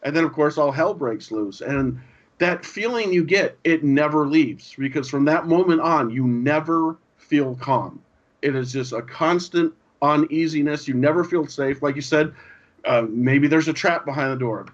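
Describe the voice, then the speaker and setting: A man co-hosting a gaming podcast, chatting casually and telling stories with lively acted-out lines. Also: a little high, moderate pace. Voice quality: animated storyteller, acts out game lines. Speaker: podcast co-host. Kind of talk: casual chat. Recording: dull lo-fi audio.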